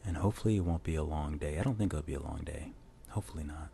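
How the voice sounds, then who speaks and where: An illustrator with a very deep, dark, low, creaky voice races through a casual drawing tutorial voice-over. He rambles in a relaxed way and keeps restarting sentences. He's on a lavalier mic plugged into a phone, with faint hiss underneath.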